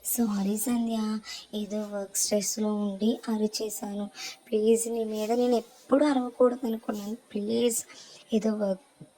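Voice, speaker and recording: A woman voicing a young man softly apologizing and pleading. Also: mid-range voice, level tone, a little slow, slight background noise, close to an everyday voice, low-quality recording. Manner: soft, pleading.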